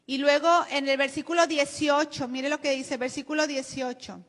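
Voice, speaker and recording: A woman's voice: sits high, steady tone, normal speed, long reverb tail. A woman pastor with a Mexican Spanish accent preaching a sermon, often calling out to the congregation as brothers.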